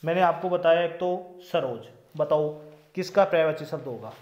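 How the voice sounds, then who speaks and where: A man's voice: a little high, darkish tone, lo-fi sound. A man teaching a Hindi exam-prep class, reading out lists of synonyms one word at a time and then quizzing his viewers. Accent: Rajasthani Hindi. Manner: slow, deliberate listing of words one by one; quizzes the viewers with questions and answers them himself. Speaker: Hindi tutor.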